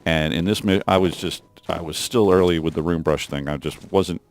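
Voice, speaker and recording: A man's voice: low-pitched, fairly even intonation, moderate pace. A man giving rambling developer commentary over gameplay of a mission he designed, with many fillers and restarts. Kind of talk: let's play developer commentary.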